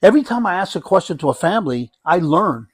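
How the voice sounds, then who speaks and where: A man speaking as a hospice nurse in a conversational interview, reflecting haltingly and often repeating and rephrasing his phrases. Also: sits high, big pitch swings, husky, no echo, clean studio sound.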